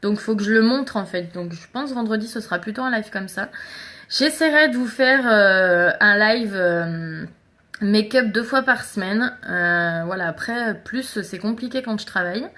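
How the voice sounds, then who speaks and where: A woman's voice: medium pitch, normal speed, sharp tone. A woman chatting casually through a live makeup tutorial, talking straight to her viewers. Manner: chatty, addresses viewers directly and greets commenters. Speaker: makeup seller doing a live stream.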